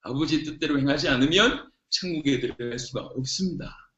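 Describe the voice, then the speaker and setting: A man preaching a sermon as a pastor, emphatic and rising to shouts, sometimes acting out pleading voices. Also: mid-range voice, a little fast. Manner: acts out pleading voices of believers. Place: church hall. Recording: echoey, dull lo-fi sermon recording.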